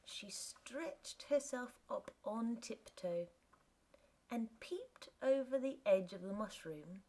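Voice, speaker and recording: A woman reading a classic story aloud as an audiobook narrator, in a calm, measured way. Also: fairly high pitch. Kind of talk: scripted narration.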